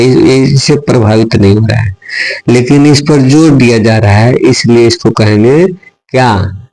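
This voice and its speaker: Male teacher, very slow, repetitive classroom delivery. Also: medium pitch, a little mellow, low-quality recording. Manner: slow, repetitive, asks and answers his own questions. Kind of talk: grammar lesson.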